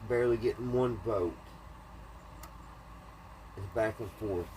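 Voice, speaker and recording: A warm, fairly low voice moves at a slow pace as a hobbyist works on an antique radio, muttering folksy thoughts to himself. It's a casual hands-on repair clip, recorded as a clearly noisy home video.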